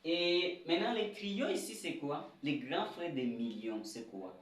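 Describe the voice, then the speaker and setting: A man teaching an English lesson at a board in a lively, questioning way, drilling words aloud. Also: fairly high pitch, measured pace. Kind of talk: whiteboard lesson for French speakers. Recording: echoey room, voice a bit far from the mic.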